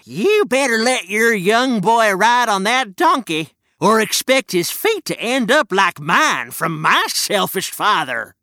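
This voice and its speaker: A storyteller voicing a cantankerous old male prospector who drawls folksy exclamations, pitched high and loud. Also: big pitch swings, slow pace, few pauses, no echo, clean studio sound, exaggerated voice. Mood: cranky folksy. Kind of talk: storybook read-aloud.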